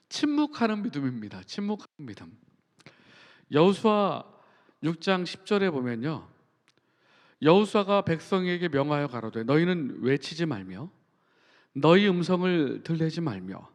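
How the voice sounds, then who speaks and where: A male pastor preaching a sermon, reading scripture aloud with earnest emphasis and pauses. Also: on the high side, big-room sound. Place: church sanctuary.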